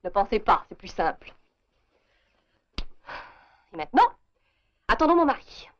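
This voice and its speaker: Une actrice jouant une femme mariée intrigante et audacieuse, au ton vif et théâtral, dans un vieux film. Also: female voice, medium pitch, big pitch swings. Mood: scheming. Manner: brisk, commanding, theatrical. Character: scheming bold married Parisian woman. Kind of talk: 1930s French film acting. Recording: dull lo-fi old film soundtrack.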